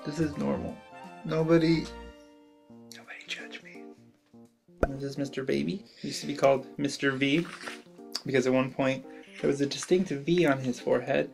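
A man's voice: medium pitch, fairly even intonation, brisk, gravelly, faint music behind. A man co-hosting a casual vlog with his girlfriend, joking around and slipping into baby talk with pets. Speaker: co-host, boyfriend of the host.

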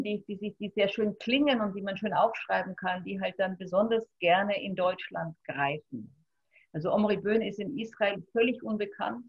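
A woman's voice: mid-range voice, husky. A middle-aged woman speaks in a sceptical, matter-of-fact way during an analytical panel conversation on a video call from a room at home, with many fillers and restarts. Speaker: panel participant. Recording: dull, muffled video-call audio.

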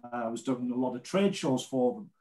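Warm-toned and brisk, a mid-range male voice with a Geordie accent belongs to a man in his late 40s from North East England. He's a ski brand representative guest-presenting informally and chattily over a video call.

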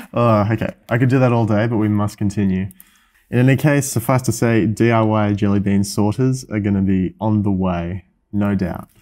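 A man's voice: on the low side, lively intonation, moderate pace, warm tone. A young man with an Australian accent hosting a casual vlog in an indoor workshop, explaining electronics assembly with enthusiasm. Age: young adult. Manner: enthusiastic, explanatory, counting things out. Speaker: host.

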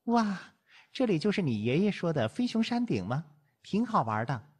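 A man's voice: mid-range voice, very animated, normal speed, darkish tone, husky. A man voicing a playful, coquettish young woman in an audiobook, pouting and teasing.

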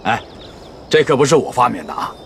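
A seasoned army commander. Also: male voice, medium pitch, big pitch swings, a little fast, vocal fry, slight background noise. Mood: explaining. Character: seasoned male army commander, calm and shrewd.

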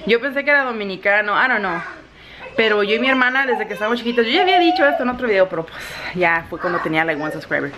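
A woman's voice: medium pitch, racing. Chatty woman. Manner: chatty, expressive, switches freely between Spanish and English. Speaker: vlogger. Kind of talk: casual home vlog. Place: home, kitchen and laundry area. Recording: noisy home recording.

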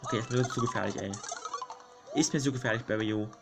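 A young man giving casual commentary over a platform game, fretting aloud, pleading, and yelling at enemies. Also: medium pitch, fast, vocal fry. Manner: excitable, frets and shouts at enemies. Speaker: gaming YouTuber. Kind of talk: casual let's play commentary. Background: game music.

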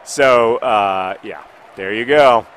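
A man in his thirties talks over a football video game in a loose, rambling way, restarting sentences and trailing off. Now and then he breaks into loud, excited play-by-play. A faint noise sits under the recording. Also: fairly low pitch, slow. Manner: rambling, self-interrupting, bursts into excited play-by-play shouting. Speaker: gaming video host.

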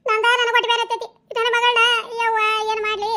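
Woman doing a squeaky, shrill village mother. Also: monotone, sharp tone, slight background noise. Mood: scolding, wailing. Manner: wailing, scolding, rapid village banter. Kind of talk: cartoon dialogue.

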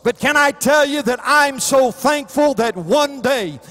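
A Southern US pastor in his forties preaches a sermon on a church sanctuary stage, his very high-pitched voice full of lively intonation at a measured pace. Impassioned, he rises to shouts while speaking into a handheld microphone, and the recording is dry.

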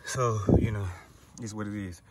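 A man giving a casual gardening walkthrough outdoors, slightly out of breath and talking in a relaxed, chatty way. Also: lowish voice, moderate pace, very noisy. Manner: relaxed, chatty, thinking aloud with fillers. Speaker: gardening vlogger.

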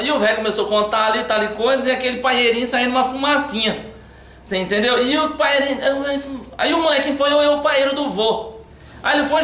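A man telling a funny anecdote in a lively, chatty way. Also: very high voice, reverberant. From Brazil. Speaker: storyteller.

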